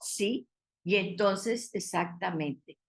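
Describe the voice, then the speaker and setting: Slow-paced woman teaching Bible study. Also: mid-range voice, gravelly. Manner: explains patiently, asks the group questions.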